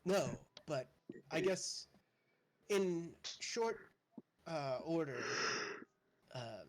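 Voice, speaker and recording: A man talking slowly and haltingly as a player in a tabletop game, pausing to search for words. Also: on the high side, expressive. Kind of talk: casual tabletop game chat.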